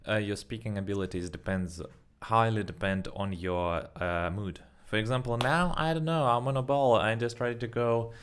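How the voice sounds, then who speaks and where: A vlogger whose first language isn't English rambles casually in a low, smooth male voice. He talks at a moderate pace with hardly any pauses, correcting himself and using lots of fillers in this casual speaking-practice vlog.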